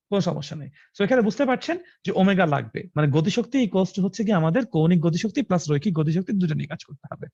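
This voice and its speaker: A man's voice: high voice, a little mellow, no echo, muffled recording. A young man with a Bangladeshi Bengali accent teaching a live online physics class, colloquial and repetitive, mixing in English terms. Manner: colloquial, mixes English terms, repeats phrases.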